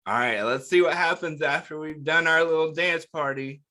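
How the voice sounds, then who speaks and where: Reading a picture book at children's storytime, this man talks straight to his young audience, posing simple, encouraging questions and answering them himself. He speaks at a moderate pace in a voice on the high side, pushed and bright.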